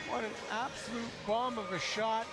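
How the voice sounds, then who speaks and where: A man gives hockey replay analysis in a high, emphatic voice. He sounds enthusiastic as a colour commentator. Music plays clearly behind him.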